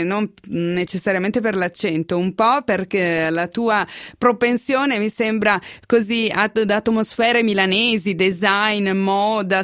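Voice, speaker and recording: Hoarse woman radio host, dry close sound. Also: medium pitch, a bit bright, dry recording. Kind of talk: radio presenting and interviewing. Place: radio studio. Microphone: close studio microphone.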